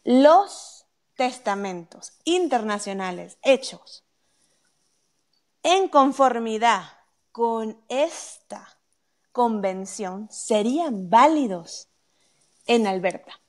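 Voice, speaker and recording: A woman with a slightly higher-pitched voice talks through legal questions in a methodical, explanatory way. She keeps checking that the listener is following with a quick "ok?". The tone is that of a live question-and-answer chat. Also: expressive. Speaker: legal expert on wills.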